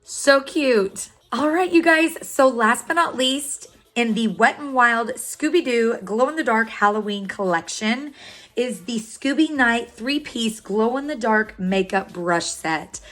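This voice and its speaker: A woman beauty vlogger unboxing a makeup collection, talking in a gushing, excited way. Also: fairly high pitch, unhurried.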